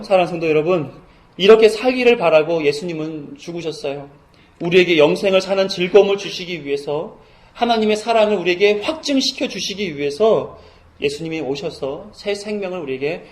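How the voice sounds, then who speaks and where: High-voiced Korean pastor preaching earnestly. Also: male voice. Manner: earnest preaching, rising to fervent emphasis. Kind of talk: sermon.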